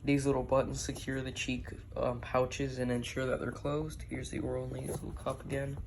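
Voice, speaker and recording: A man's voice: mid-range voice, little pitch movement, moderate pace, vocal fry. A man giving a casual, hands-on product review, a little tentative in how he puts things. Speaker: gas mask reviewer. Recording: noisy amateur video.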